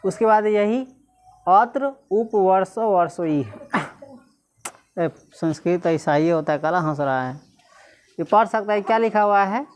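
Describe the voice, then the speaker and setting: A woman teacher, reading Sanskrit slowly syllable by syllable and quizzing the class again and again. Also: medium pitch, a little mellow, clean tone. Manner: repeatedly quizzes listeners, slow syllable-by-syllable reading.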